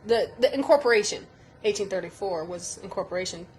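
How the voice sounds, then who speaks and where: A woman calmly explaining the history of an old house on a tour, with hedges and fillers. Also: medium pitch, a little fast, a little hiss or hum, low-quality recording. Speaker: history museum staff giving a house tour.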